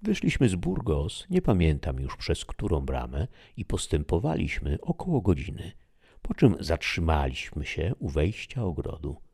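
A male narrator reading an old adventure novel aloud as a scripted audiobook. His voice is very deep and husky, with a measured, even delivery. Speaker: audiobook reader.

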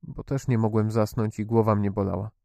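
A man reading the lines of a sickly, fretful young boy in a hushed, wary way. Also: lowish voice, little pitch movement, fairly quick, gravelly, dry recording, clean studio sound. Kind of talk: audiobook character reading.

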